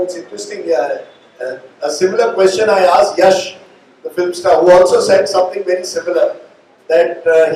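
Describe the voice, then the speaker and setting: Middle-aged Indian-accented male interviewer, high-pitched, discursive, distant in a reverberant space. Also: darkish tone. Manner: discursive, long reflective questions. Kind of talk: live on-stage interview. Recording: echoey room, distant mic, faint noise.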